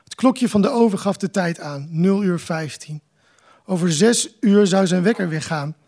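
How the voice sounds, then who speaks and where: Author reading his own novel aloud, calm and measured, high gravelly voice. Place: live book presentation event.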